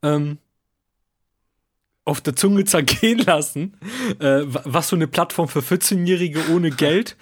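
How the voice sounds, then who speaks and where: Halting, higher-voiced man chatting. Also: breathy edge. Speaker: podcast panellist. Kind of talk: casual video game discussion.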